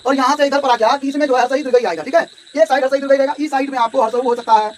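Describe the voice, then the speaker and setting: Guy teaching grammar super fast, keeps checking "theek hai", sounds far from the mic w/ faint noise. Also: very high voice, fairly even intonation. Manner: explanatory, repeats "ठीक है" and addresses students directly. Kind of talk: whiteboard grammar lesson.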